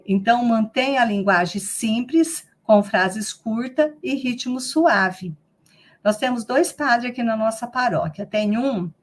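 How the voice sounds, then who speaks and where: Middle-aged brazilian lady teaching online, chatty, keeps asking if you're with her. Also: medium pitch. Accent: Brazilian Portuguese. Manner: conversational, repeats herself, asks "né?" often. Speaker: lecturer and trainer. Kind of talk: live online training talk.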